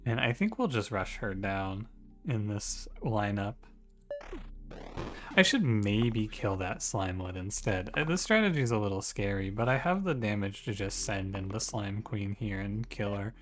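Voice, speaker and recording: Lower-pitched man thinking aloud over a game. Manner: musing, self-correcting, conversational. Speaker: gaming streamer. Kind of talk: casual strategy game commentary, thinking aloud.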